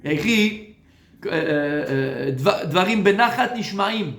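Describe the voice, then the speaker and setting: A man, a rabbi, giving an informal Talmud lesson to a live group, familiar and teasing with his listeners, moving between loud urging and soft coaxing. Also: sits high, animated, slow. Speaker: rabbi teaching a Torah class. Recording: echoey room.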